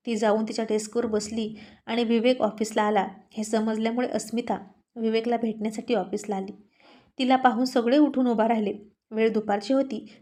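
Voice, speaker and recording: A woman narrating a scripted drama story, reading all the characters' lines in her own voice and getting louder in the arguments. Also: a little high.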